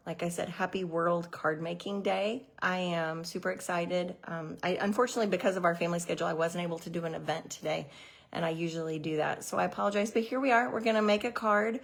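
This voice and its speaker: A woman's voice: lowish voice, gravelly. Chatty, slightly breathless middle-aged woman. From Missouri, USA. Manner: chatty and rambling, many ums and restarts. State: a little out of breath. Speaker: card-making livestream host. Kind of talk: casual livestream chat.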